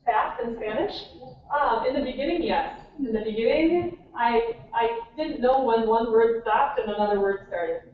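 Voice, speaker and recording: A young woman from Minnesota with a Minnesotan American accent, chatting and telling stories as a native English conversation partner, her voice animated and full of quoted asides. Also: a little high, moderate pace. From Minnesota, United States. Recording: distant, tinny, echoey hall with faint noise.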